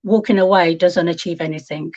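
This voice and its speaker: A woman interview guest with a lowish voice. She lays out her plans earnestly and steadily, and the audio is slightly muffled. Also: steady tone, a little fast, a little mellow. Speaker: guest, mayor. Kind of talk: interview answers.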